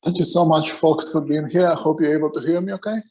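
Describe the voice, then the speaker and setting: Man, heavy Russian accent, high-pitched voice, measured poetic introduction, gallery event. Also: steady tone, a little mellow. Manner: measured, lyrical, quoting poets. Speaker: guest poet. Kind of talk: formal reading-style introduction.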